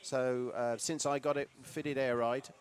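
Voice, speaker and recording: A man's voice: mid-range voice, fairly even intonation, measured pace. A man from southern England with an English accent, chatting casually as a guest in an interview. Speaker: guest, classic truck owner. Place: on location at a car show. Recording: noisy live event ambience. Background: clear ambient noise of the event.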